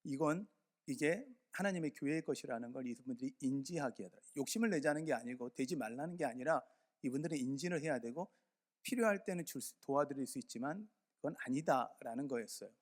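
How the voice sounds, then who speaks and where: A man's voice: medium pitch, a little fast. A man preaching a sermon as pastor in a church sanctuary, telling a story conversationally and putting questions to his congregation.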